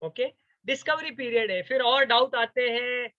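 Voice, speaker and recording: A man's voice: very high voice, normal speed, sharp tone, no room sound, dull audio. A man giving a storytelling motivational talk, acting out the voices of the people in his story. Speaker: motivational speaker.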